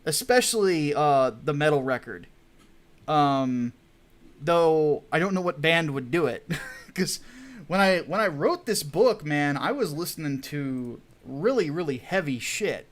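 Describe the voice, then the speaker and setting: A man with a slightly high voice chats on a livestream, excitable and quick to laugh. He swears freely and reads out chat comments. He sounds like he is talking into a desk mic on a video call. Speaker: comic book writer hosting a launch stream.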